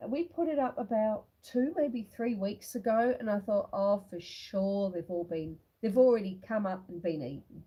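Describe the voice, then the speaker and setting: Outdoors on her homestead, a woman runs a casual live stream and greets viewers by name, her phone set on a tripod. Her voice is warm and medium-pitched at a moderate pace, though the audio is poor. A long illness has left her still slightly snuffly, with a cough.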